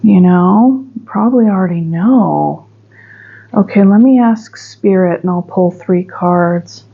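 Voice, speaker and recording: A woman's voice: fairly low pitch, slow pace, gravelly, lo-fi sound, slight background noise. A woman giving a pick-a-pile tarot reading, musing and chatty with sudden emphatic bursts. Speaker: tarot reader.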